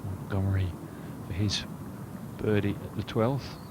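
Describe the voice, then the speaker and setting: Male golf co-commentator chatting away, lowish voice, noisy outdoor course behind him. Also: fairly even intonation, unhurried.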